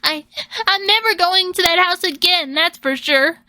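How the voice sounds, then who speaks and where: A woman voicing a sweet, excitable young girl in a storybook, with a squeaky, kitten-like voice and a gushing manner. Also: moderate pace, dry recording. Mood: shaken.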